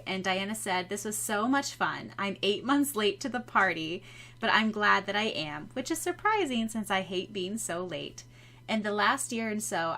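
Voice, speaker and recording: An American woman co-hosts a podcast, chatting casually and reading out comments in an effusive, giggly way. Her mid-range voice is bright with a forceful tone.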